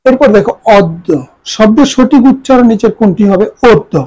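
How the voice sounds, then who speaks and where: A woman's voice: fairly high pitch, fairly quick, warm tone, low-quality recording. A woman who teaches a grammar lesson, explaining step by step and repeating each answer.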